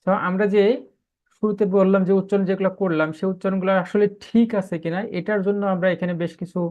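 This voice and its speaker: A man's voice: sits high, level tone, quick pace, phone-quality sound. A man teaching English letter pronunciation, asking questions and answering them himself. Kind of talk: spoken English pronunciation lesson.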